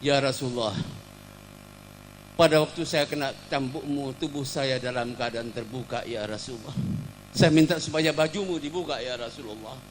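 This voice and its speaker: A man voicing an earnest male companion who pleads loudly and insistently. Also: medium pitch, moderate pace, a little hiss or hum, close to an everyday voice. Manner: loud, insistent pleading, turning tearful.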